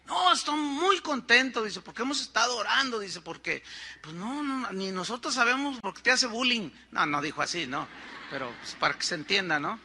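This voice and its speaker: A man's voice: high-pitched, lively intonation, moderate pace, pushed and bright, a little hiss or hum. A middle-aged man from Mexico with a Mexican Spanish accent, a pastor telling a story in a sermon, acting out the voices of the people he quotes and adding conversational asides.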